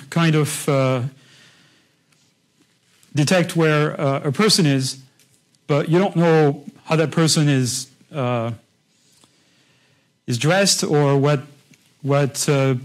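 A man with a voice on the high side teaches a university class, and the audio quality is poor. He talks through the material patiently and casually, restarting often and regularly checking that his listeners are with him.

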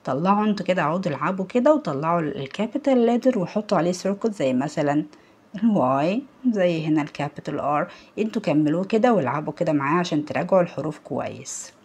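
Egyptian woman teacher for a kids' lesson; husky, lower-pitched voice with a lively, bouncing delivery; quizzes and praises. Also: very fast. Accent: Egyptian Arabic. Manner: asks the children questions and praises them. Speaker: primary school English teacher. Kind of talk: recorded lesson for young pupils.

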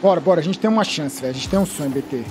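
A man's voice: fairly high pitch, expressive, rapid-fire, noisy background. A man with a Brazilian accent talking casually to his teammate during a video game, in short, often repeated exclamations. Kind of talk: casual gaming chat with a teammate. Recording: game music behind the voice. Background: game music.

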